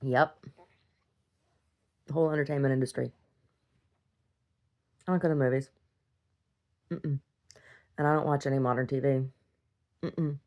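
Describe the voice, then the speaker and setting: A woman's voice: rumbling low, steady tone, a little slow, long pauses, a little mellow. A woman talking casually to herself in a rambling video diary, blunt, irreverent and sardonic. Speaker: video diarist.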